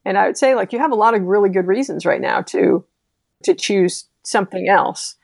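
A woman's voice: mid-range voice, lively intonation, fairly quick, vocal fry, darkish tone, dry recording, clean studio sound. A woman interviewer who speaks to caregivers in a reflective, affirming way. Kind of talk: encouraging interview talk.

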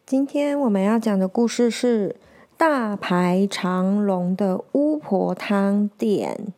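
A woman reading a children's picture book aloud, gently stopping to explain words. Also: medium pitch, slow. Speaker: storyteller.

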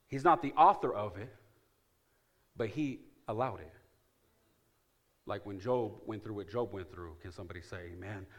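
A middle-aged pastor with a mid-range voice preaches a sermon. He repeats phrases for emphasis and swings between loud calls and hushed asides.

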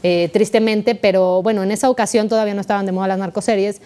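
A young adult Mexican woman, a podcast guest, telling a story in a chatty, animated way. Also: medium pitch, fast. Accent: Mexican Spanish. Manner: chatty, animated, acts out quoted voices.

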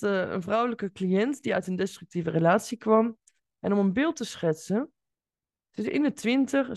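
A woman hosting her own podcast, telling a client's story in an expressive monologue spoken straight to the listener. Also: mid-range voice, no room sound, clean studio sound. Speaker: podcast host and coach.

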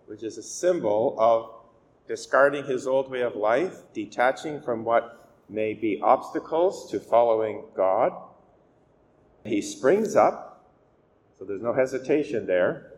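A male priest reading the gospel and preaching a weekday homily at a steady, measured pace, his voice ringing with a long cathedral echo. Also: medium pitch. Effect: long cathedral-style echo. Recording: echoey church hall with faint hiss.

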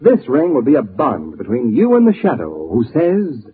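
A man's voice: mid-range voice, huge pitch swings, normal speed, breathy edge. An American man announcing in the dramatic, formal, scripted style of 1940s radio. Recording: muffled old radio recording, faint music behind.

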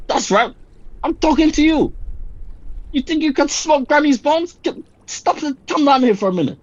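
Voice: high-pitched, expressive, normal speed, darkish tone, lo-fi sound. An actor playing a pompous, domineering self-styled agent of the state who barks orders. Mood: commanding. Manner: barking, domineering. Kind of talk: comedy audio drama.

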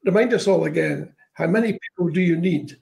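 A man's voice: fairly high pitch, a little fast, creaky, darkish tone, rough recording. A man, hosting an informal interview in a conversational style. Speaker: interview show host.

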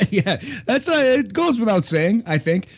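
A man's voice: sits high, sing-song, unhurried, gravelly, slightly rough, dull audio. A man co-hosting a casual wrestling podcast, talking in an easygoing, rambling way. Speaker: podcast co-host. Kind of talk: casual wrestling recap chat.

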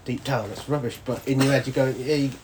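A man's voice: medium pitch, fairly even intonation, fast, background noise. A man, a former soldier chatting as an interview guest, laughing often and acting out the voices of people in his stories. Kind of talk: casual interview storytelling.

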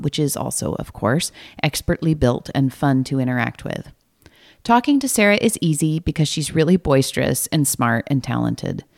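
Low-voiced, lively woman podcast host. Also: vocal fry. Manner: upbeat, chatty, asks follow-up questions. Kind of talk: casual interview chat. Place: home.

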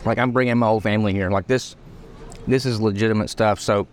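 A man's voice: on the low side, fairly even intonation, fast. Rambling man hosting outdoors. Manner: rambling, searches for words, many restarts. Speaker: podcast host. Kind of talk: casual chat. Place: outdoor patio of a bakery.

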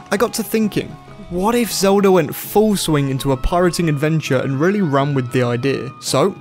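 A man's voice: a little high, darkish tone. A man hosting a podcast in an enthusiastic, earnest scripted delivery. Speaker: podcast host. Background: faint background music.

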